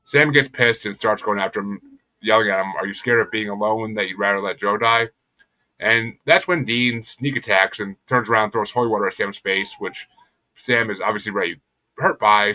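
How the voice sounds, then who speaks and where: Man, young adult, podcast co-host, low voice, forceful tone, casual crude plot recap. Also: fairly even intonation, normal speed, low-quality recording. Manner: crude, joking retelling of plot.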